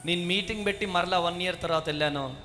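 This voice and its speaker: A woman's voice: fairly low pitch, quick pace. A middle-aged woman pastor preaching a revival sermon, urging her congregation to clap and say amen. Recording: reverberant hall with faint music.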